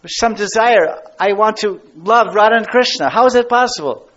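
A man's voice: high voice, moderate pace, fairly bright tone. A man giving a devotional class as a spiritual teacher, emphatic and given to repeating key words and phrases. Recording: dull lo-fi recording.

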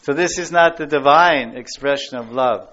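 A man's voice: mid-range voice, normal speed, fairly bright tone. A man giving a devotional class as a spiritual teacher, emphatic and given to repeating key words and phrases. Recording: dull lo-fi recording.

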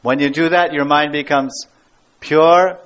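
A man's voice: fairly high pitch, fairly even intonation, a little slow, fairly bright tone. A man giving a devotional class as a spiritual teacher, emphatic and given to repeating key words and phrases. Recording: dull lo-fi recording.

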